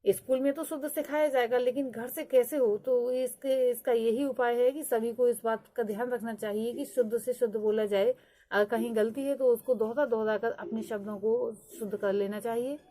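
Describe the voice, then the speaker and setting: Woman teacher, fairly high voice, steady point-by-point lecture. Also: normal speed. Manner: explains point by point, mixing English terms.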